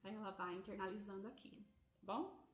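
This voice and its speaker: A woman's voice: medium pitch, fairly quick, a little hiss or hum. A Brazilian woman teaching on a live stream, explaining to parents step by step and checking in often with little tag questions. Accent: Brazilian Portuguese. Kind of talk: casual teaching talk to parents. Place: home, streaming from a phone. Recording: echoey room.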